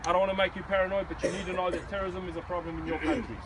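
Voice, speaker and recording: Outdoors, a middle-aged South African man delivers an earnest, emphatic motivational speech to a visiting group, acting out quoted shouting. His high-pitched voice races along in a level tone over crowd noise.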